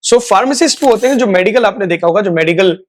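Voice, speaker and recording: A man teaching a spoken English lesson. He repeats each example phrase, stretches it out slowly, and checks in often with "right?". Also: high-pitched, lively intonation. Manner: slow, drawn-out model phrases; repeats words for practice.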